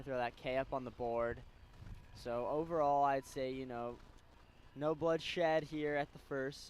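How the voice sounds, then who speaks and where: A young man doing color commentary for a softball webcast, relaxed and joking with his partners. His voice sits at a middle pitch, with faint noise from the stands behind him. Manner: easygoing, joking banter. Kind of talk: casual live sports commentary.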